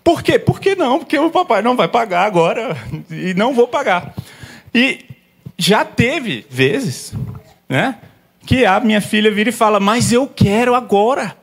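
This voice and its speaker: A man in his thirties preaching as a pastor, telling lively stories about his young daughters and acting out their conversations. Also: high voice, a little slow, gravelly, breathy edge. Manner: lively storyteller, acts out family scenes. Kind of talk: sermon with personal anecdotes.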